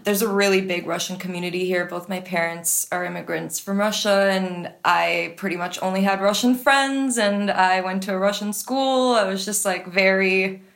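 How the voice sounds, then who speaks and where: A woman's voice: mid-range voice, moderate pace, vocal fry, hardly any pauses. A young adult woman from the United States, a guest in a conversation, talking loosely and full of "like" and "um". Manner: relaxed, filler-heavy, lots of "like". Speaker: guest, music supervisor. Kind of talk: casual conversation.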